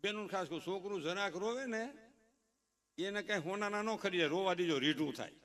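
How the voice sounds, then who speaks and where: High-pitched man cracking folksy jokes on a live stage, mimics his relatives. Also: fairly quick, a bit bright. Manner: mimics family members in exaggerated voices, folksy and teasing. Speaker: folk comedian at a dayro. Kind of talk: live stage comedy storytelling. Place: live stage event with audience.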